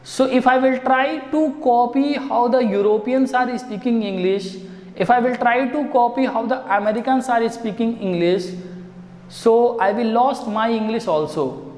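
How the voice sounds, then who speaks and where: A man's voice: very high-pitched, a little mellow. A man with an Indian accent, teaching an English story line by line and asking his students questions. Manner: explains line by line, asks students rhetorical questions. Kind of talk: classroom lesson explaining a story. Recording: echoey room with long reverb.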